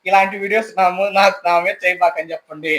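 A man filming a prank vlog on a phone at home, loudly and insistently calling out to his friend and teasing him. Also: high voice, fairly even intonation, fast, rough recording. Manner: loud, insistent, repeats calls and commands. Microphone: phone camera.

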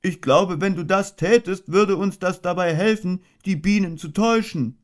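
A man's voice: high voice, pitched above the performer's own voice, close to an everyday voice. Winnie the Pooh, voiced by a man. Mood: conspiratorial. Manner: slow, earnest, ponderous, sing-song. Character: friendly, slow, muddled little teddy bear. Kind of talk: storybook reading.

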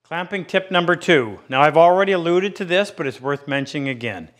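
Teaching a practical woodworking lesson in his workshop, a man in his fifties explains unscripted and plainly while demonstrating by hand. He sounds a little high, expressive, and fairly bright, speaking slightly fast.

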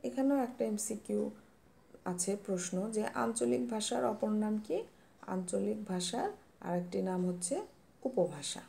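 A woman teacher explains a grammar lesson step by step, patient and unhurried, pausing to pose quiz questions. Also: medium pitch, gravelly, mellow. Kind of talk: classroom lesson reading notes.

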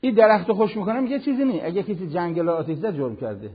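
An older man giving a televised religious lesson, preaching in an animated, conversational way with everyday examples. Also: sits high, husky, big-room sound, highs cut off. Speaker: Quran teacher.

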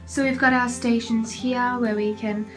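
Chatty young woman, high voice. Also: level tone, normal speed, soft background music. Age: young adult. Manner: chatty, explains things like a tour guide. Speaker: vlogger and community theatre cast member. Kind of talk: casual vlog chat. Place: backstage of a small theatre, indoors.

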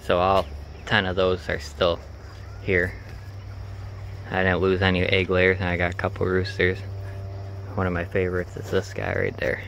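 A man's voice: low voice, completely flat delivery, normal speed, gravelly, long pauses, a bit bright, a little hiss or hum. A young man in his twenties chatting casually on a farm vlog, filming himself outdoors by a chicken coop on a handheld phone, rambling with fillers. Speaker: farm vlogger. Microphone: phone camera at arm's length.

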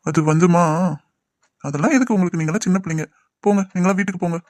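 A man plays a calm, reassuring middle-aged father in a cartoon drama, who speaks in a fairly high register. He talks patiently and slips in English words. The sound is close and dry, with no room around it. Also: rapid-fire, dry recording, close to an everyday voice. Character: middle-aged father, calm, then worried over lost money. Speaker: doctor and father.

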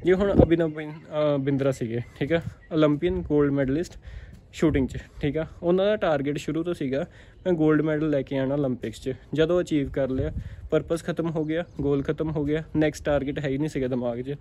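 A man's voice: a little high, fairly even intonation, fairly quick, warm tone, slight background noise. A man with a Punjabi accent, a dairy farmer giving a casual motivational talk to camera, repeating himself and checking in with "theek aa". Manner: repetitive, keeps asking "theek aa".

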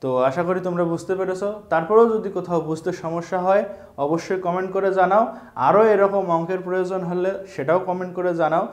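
A man's voice: sits high, steady tone, fast talker. Echoey Bangladeshi man teaching math. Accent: Bangladeshi Bengali. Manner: explains step by step, drops in English math terms. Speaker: math instructor. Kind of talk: online math lesson.

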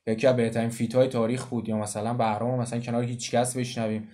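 A man interviewing a rapper in a relaxed, agreeable, chatty way. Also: medium pitch. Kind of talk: casual interview chat.

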